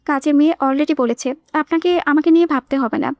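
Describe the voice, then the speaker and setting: A fed-up young bride scolds sharply and tells people to get out, voiced by a woman reading the story. Her voice is high and cutting. The audiobook recording is close and dry. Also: brisk, a little mellow, no echo. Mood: angry. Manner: snapping, scolding.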